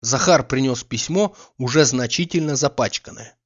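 A man reading a literary audiobook in a measured, calm storytelling manner. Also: medium pitch, lo-fi sound. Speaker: audiobook reader.

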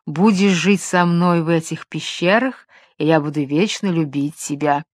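A woman voicing a soft, coaxing mermaid. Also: lowish voice, lively intonation, measured pace, no echo, clean studio sound. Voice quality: gentle, coaxing. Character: seductive sly female mermaid, soft-spoken.

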